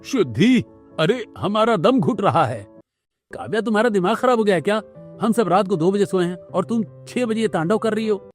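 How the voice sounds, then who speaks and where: A man's voice: sits high, animated, a little fast, faint music behind, pitched above the performer's own voice. Man doing a raised-voice sarcastic young husband. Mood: exasperated. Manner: sarcastic, exasperated.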